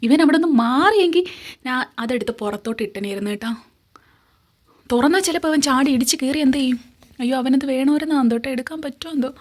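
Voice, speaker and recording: Chatty high-voiced woman vlogger. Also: fast talker, no echo. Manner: chatty, coaxing, often cries out "ayyo". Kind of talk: casual vlog talk to a cat. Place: outdoors in a backyard garden. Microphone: phone held while filming. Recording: noisy outdoor phone recording.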